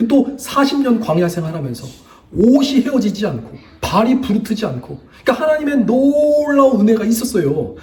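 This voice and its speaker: A man's voice: sits high, a little mellow, far from the mic. A male pastor preaching a sermon with emphatic rhetorical questions and repeated phrases, in a church.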